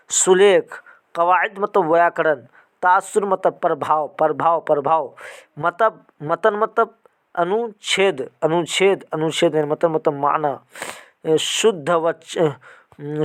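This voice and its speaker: A man teaching an exam-prep vocabulary lesson, repeating each term slowly several times. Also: a little high.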